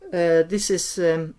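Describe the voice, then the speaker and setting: Slow, halting game tutorial streamer. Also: mid-range voice, dark tone. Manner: halting, hesitant delivery with repeated phrases. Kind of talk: unscripted gameplay tutorial.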